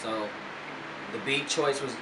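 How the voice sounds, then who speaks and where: In a radio studio, a young rapper with a slow, mid-range voice chats as an interview guest, loose and laid-back, full of slang and fillers. The recording sounds roomy, with a distant mic and a noisy hum.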